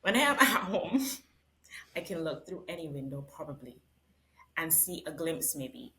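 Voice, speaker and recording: A low-pitched woman from Barbados, speaking as an interview guest. She is thoughtful and measured, pausing often as she reflects on her answers. Her tone stays soft-spoken and unhurried. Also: very animated, a little hiss or hum. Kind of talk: reflective conversation.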